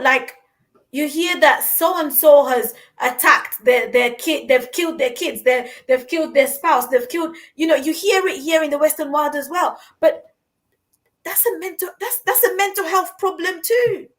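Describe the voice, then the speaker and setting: A woman's voice: sits high, normal speed. A woman from Uganda hosting a podcast, talking in an earnest, encouraging way and often repeating her words. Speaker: podcast host. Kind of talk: conversational podcast talk. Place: London.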